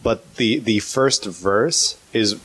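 A young man co-hosting a podcast, chatting casually about music, halting and restarting often, laughing and swearing. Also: on the low side, a bit bright, husky. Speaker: podcast co-host.

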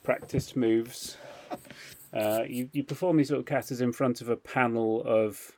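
A man co-hosting a podcast, telling a story in casual chat, animated and laughing often. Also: mid-range voice, unhurried, slight background noise. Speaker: podcast co-host.

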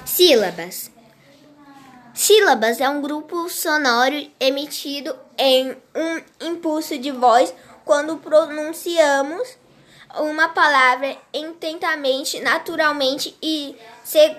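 A woman reading a grammar lesson aloud in a slow, halting way, restarting words as she goes. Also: sits high, steady tone, fairly bright tone. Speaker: teacher.

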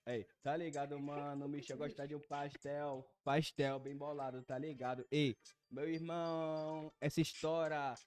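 A man's voice: a little high, flat delivery, measured pace, a little mellow. A young man with a Brazilian accent, co-hosting a podcast, boasting and freestyling crude rhymes in heavy slang. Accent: Brazilian Portuguese. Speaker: podcast co-host. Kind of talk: joking freestyle rap among friends.

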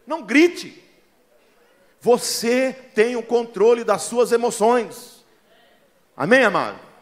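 A man's voice: very high-pitched, slow. A man preaching a sermon as a pastor, telling folksy stories and often calling listeners "brother". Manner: lively, acts out the voices in his stories.

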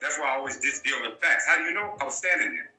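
Male guest, bright forceful voice, blunt and emphatic, roomy echo. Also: on the high side, rapid-fire. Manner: blunt, emphatic, repeats key points. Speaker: interview guest. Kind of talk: candid storytelling.

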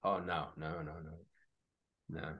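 A man's voice: very deep voice, flat delivery, takes it slowly, slightly rough, dull audio. A man in his forties co-hosting a podcast in casual chat, hesitant and rambling, laughing easily. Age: 40s. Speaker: podcast co-host.

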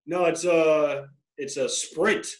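A man's voice: on the high side, fairly even intonation, slow pace. A man talking casually as a podcast guest on a call, his audio glitching and cutting out. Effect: glitching audio, mic cutting out. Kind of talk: casual chat.

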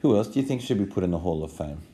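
A man's voice: low-pitched, expressive, racing, echoey room, crowd noise. An Australian man, around his thirties, hosting a casual podcast and talking patiently in simple questions with a small child. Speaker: podcast host.

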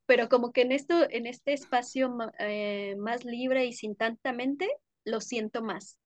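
A young woman speaking as an interview guest, her voice slightly high and recorded dry and close. She talks in a warm, gushing way, lingering on sensory details and breaking into easy laughter. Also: steady tone, unhurried, no echo. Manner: warm, effusive, sensory descriptions with frequent laughs. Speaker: podcast guest, workshop leader. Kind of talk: casual conversational interview.

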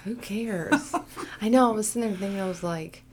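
A woman, co-hosting a casual podcast and talking softly and sleepily. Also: medium pitch, moderate pace, a little hiss or hum. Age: 30s. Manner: sleepy, soft-spoken. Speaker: podcast co-host.

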